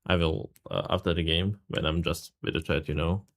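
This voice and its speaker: A man's voice: low voice, fairly even intonation, normal speed, creaky. A man from Serbia, casually commentating a live game stream, greeting chat and swearing freely.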